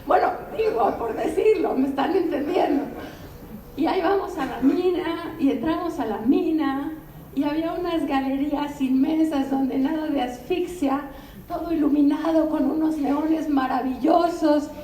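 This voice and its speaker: An older woman tells stories to an audience in a lively, chatty way, her voice high but mellow in tone. She sounds some way off the microphone in a roomy bookstore space, with a faint hum of ambience behind her. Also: moderate pace, recorded from a distance. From Mexico. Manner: animated, conversational storytelling with asides to the audience. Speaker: literary translator giving a talk. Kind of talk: anecdotal public talk. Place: bookstore event room.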